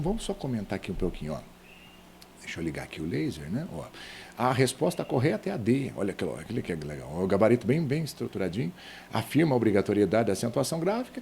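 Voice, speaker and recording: A man's voice: mid-range voice, gravelly, darkish tone, slight background noise. A man from Brazil teaching a Portuguese exam-review lesson, explaining with rhetorical questions and talking straight to his students.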